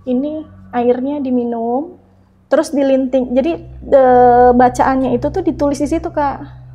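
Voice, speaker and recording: A woman's voice: high-pitched, steady tone, measured pace, mellow. A woman guest telling a personal story in casual conversation, acting out the quoted dialogue as she goes. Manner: vivid retelling that acts out quoted dialogue. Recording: slightly dull recording with faint music.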